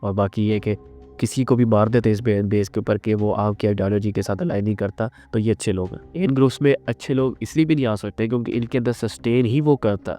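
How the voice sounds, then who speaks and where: A man giving unscripted, earnest analytical commentary on current events, pausing and restarting as he thinks. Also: on the low side, dark tone, faint music behind. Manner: earnest, measured, with frequent restarts and fillers.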